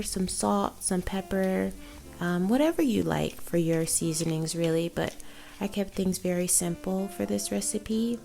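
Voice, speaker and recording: A young woman talks through her cooking in a casual, unhurried way. Her voice is mellow and warm, with a gravelly fry at the ends of phrases. Soft music and a sizzling pan play behind her. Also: mid-range voice. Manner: relaxed step-by-step narration with fillers. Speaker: cooking vlogger.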